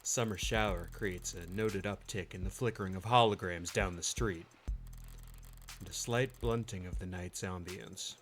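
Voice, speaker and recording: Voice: sits low, moderate pace, a bit bright, faint music behind, voice pushed down. A live streamer voicing a weary, hard-boiled defense attorney, narrating in a dry noir voice-over. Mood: world-weary.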